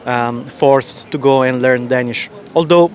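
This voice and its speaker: Man, mid pitch, researcher, thoughtful, hesitant, faint street noise. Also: unhurried. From Sicily, Italy. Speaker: postdoctoral researcher. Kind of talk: casual street interview answers. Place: city street outdoors.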